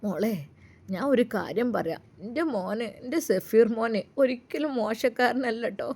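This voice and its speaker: A woman voicing an elderly grandmother who gently soothes and reassures in a low, soft voice. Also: normal speed, husky. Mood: soothing. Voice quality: soft, lowered voice. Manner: coaxing, reassuring.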